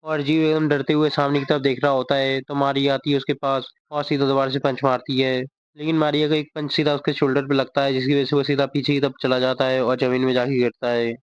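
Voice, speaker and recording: A man retelling a manga chapter as steady storytelling narration. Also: mid-range voice, fast, hardly any pauses, clear, resonant tone, no echo. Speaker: manga explainer. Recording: dull dry recording.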